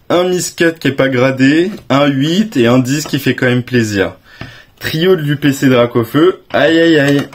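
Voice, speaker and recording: A young man with a French accent, giving casual, excitable commentary as he reveals graded trading cards, exclaiming often with slang. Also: on the low side. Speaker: card collecting YouTuber.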